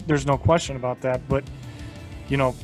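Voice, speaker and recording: A man's voice: mid-range voice, steady tone, normal speed, soft background music. A man co-hosting a sports talk show, delivering a heated, emphatic rant full of rhetorical questions.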